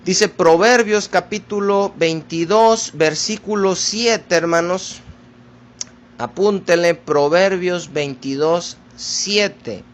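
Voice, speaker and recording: A man preaching a sermon, addressing his listeners as brothers in a slow, deliberate teaching manner. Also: sits high.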